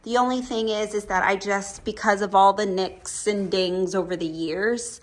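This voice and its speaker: A woman's voice: medium pitch, fairly even intonation, normal speed. A woman casually narrating a home renovation tour as its host, gushing over the decor with emphatic adjectives.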